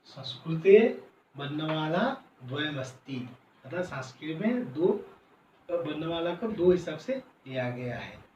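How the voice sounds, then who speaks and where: A man teaching as a Sanskrit teacher, slowly explaining each point in Sanskrit and then again in Hindi. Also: on the high side, sing-song, darkish tone. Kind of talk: classroom lesson. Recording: roomy, distant, dull sound with faint noise.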